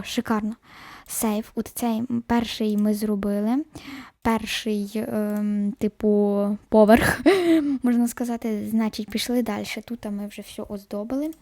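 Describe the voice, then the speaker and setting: A woman's voice: fairly high pitch, mellow, no echo. A woman chatting to her viewers while she plays a baking game, sometimes dropping into a whisper. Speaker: gaming video host. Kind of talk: casual gameplay commentary.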